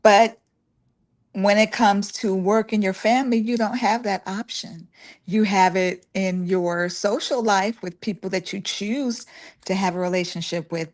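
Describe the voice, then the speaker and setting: A woman co-hosting a casual chat, explaining her point with everyday examples. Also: mid-range voice.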